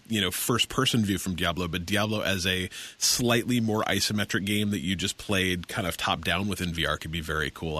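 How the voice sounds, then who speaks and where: A man's voice: on the low side, a bit bright. A man in his thirties hosting a casual podcast chat, rambling with many restarts and getting enthusiastic. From Seattle area, USA. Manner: rambling, self-correcting, enthusiastic. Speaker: podcast host.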